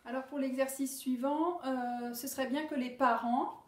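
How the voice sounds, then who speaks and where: A woman teaching a phonics lesson to young children, modelling words slowly and correcting herself with quick apologies. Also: far from the mic. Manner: slow, drawn-out word modelling with animated pitch; self-correcting, apologetic asides. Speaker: primary school teacher. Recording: echoey room, voice off-mic.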